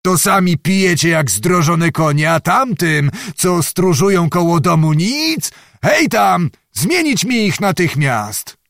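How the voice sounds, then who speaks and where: A man voicing a boisterous older nobleman who rouses a crowd of drinkers with loud, hearty, commanding shouts. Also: on the high side, lively intonation, measured pace, gravelly, hardly any pauses, no echo, clean studio sound, pitched above the performer's own voice, full character voice.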